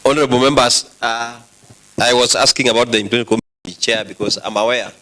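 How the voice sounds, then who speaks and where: A man with a Kenyan accent presiding over an assembly, formal and directive, with halting delivery. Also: mid-range voice, steady tone, pushed and bright, rough recording. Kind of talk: formal parliamentary rulings. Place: assembly chamber.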